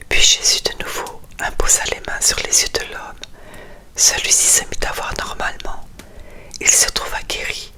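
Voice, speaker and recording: A reader softly whispering a scripture reading in a breathy, unvoiced ASMR style, quiet as for night-time. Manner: hushed, quiet bedtime whisper.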